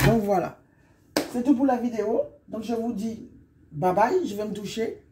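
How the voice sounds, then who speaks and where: A hoarse, middle-aged woman from Guadeloupe chatting casually in a vlog, rambling and often wrapping up her points. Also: on the high side, moderate pace, mellow, a little hiss or hum. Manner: chatty and rambling, often sums up with "donc voilà". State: hoarse from illness. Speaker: vlogger.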